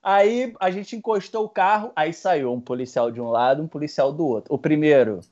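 A man's voice: fairly high pitch, normal speed. A man casually telling friends a story and acting out the voices of the people in it. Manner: animated, acts out voices in his story. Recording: dull lo-fi sound.

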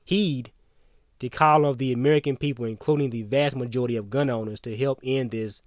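A man's voice: mid-range voice, steady tone, brisk, no room sound, studio quality. A man delivering a solo opinion monologue in a blunt, emphatic way, sometimes swearing. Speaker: opinion commentator.

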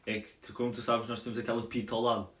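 A man's voice: medium pitch, level tone, racing, a bit bright. A young man in his twenties with a European Portuguese accent, co-hosting a podcast and telling a rambling story in casual slang, full of fillers. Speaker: podcast co-host. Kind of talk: casual chat. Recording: roomy echo.

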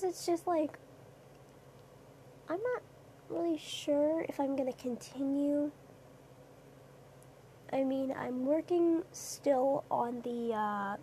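High-voiced young woman rambling late at night. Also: warm tone, a little hiss or hum. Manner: rambling, hesitant, many fillers. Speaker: streamer.

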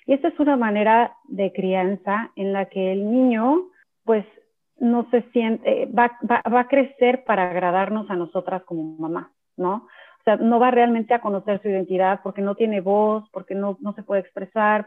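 A woman in her thirties speaks earnestly about raising children, building her points through everyday examples and frequent little check-in questions. Her voice arrives thin and narrow, as if over a phone line. Her pitch sits in an ordinary middle range. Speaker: guest, parenting speaker. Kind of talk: conversational explanation.

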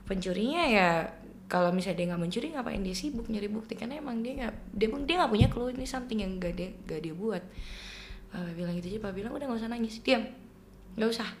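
A woman's voice: mid-range voice, fast talker, slight background noise. A young adult woman from East Nusa Tenggara, a singer guest in a casual interview, speaking earnestly and emotionally.

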